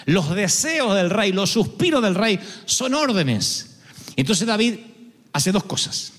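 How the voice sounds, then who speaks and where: A man preaching a sermon as pastor, an expressive storyteller who acts out the dialogue. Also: high voice, slow pace. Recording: long hall reverb.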